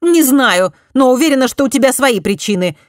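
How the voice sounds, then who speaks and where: A woman reading an audiobook, voicing a spoiled, accusing pregnant young noblewoman in a high, loud voice. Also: lively intonation, normal speed, dry recording, studio quality. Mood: indignant.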